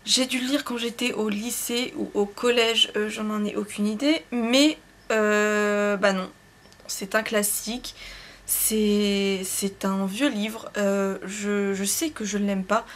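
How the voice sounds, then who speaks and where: A young woman reviewing books in a casual vlog, rambling and hesitant, full of fillers and self-corrections, and quick to poke fun at herself. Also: mid-range voice, fairly even intonation. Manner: self-deprecating, laughs at herself. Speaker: book vlogger.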